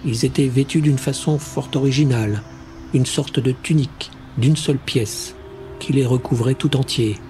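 Narrateur de livre audio à la voix sombre. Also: male voice, mid-range voice, moderate pace, warm tone, faint music behind. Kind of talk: scripted first-person narration.

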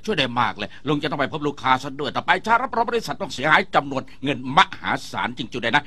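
A man voicing a fussy middle-aged man in a cartoon dub, chatty and quick to exclaim. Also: a little high, heavily acted. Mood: apologetic. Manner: animated, chatty, exclaims often.

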